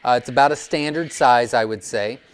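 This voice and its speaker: A young man, a quail breeder, explaining his birds in an informal teaching video. He talks in a relaxed way with plenty of "um" and "uh", recorded on a lapel mic indoors. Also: medium pitch, brisk, smooth. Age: young adult. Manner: relaxed, explanatory, many fillers. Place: indoors, seated before a wooden wall. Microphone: clip-on lapel mic.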